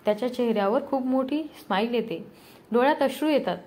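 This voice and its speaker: A woman's voice: on the high side, brisk, a little mellow. Woman narrating a family storybook.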